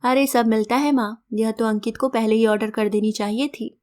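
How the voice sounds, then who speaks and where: A woman's voice: a little high, fairly even intonation, normal speed, a little mellow, close to an everyday voice. A woman voicing a cheerful young working daughter-in-law who talks in a breezy, affectionate, reassuring way.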